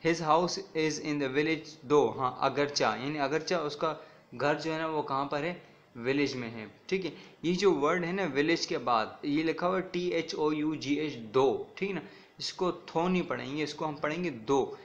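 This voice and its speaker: A male teacher walks students through a poem in a recorded lesson, in a voice a little higher than most men's. He reads each English line slowly and then explains it in Hindi-Urdu. He keeps asking "ठीक है ना" to check that they follow. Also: a bit bright, lo-fi sound. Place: recorded video lecture.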